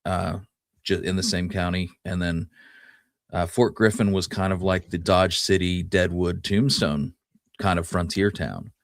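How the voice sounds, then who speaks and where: A man co-hosting a Western history show explains things in an easygoing, conversational manner, his deep voice measured in pace and fairly even in intonation. The audio is studio quality and free of echo.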